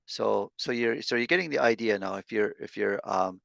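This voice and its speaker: A man teaching an online language lesson over a video call, sounding out syllables slowly with many halting restarts. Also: on the low side, gravelly, fairly bright tone, no echo.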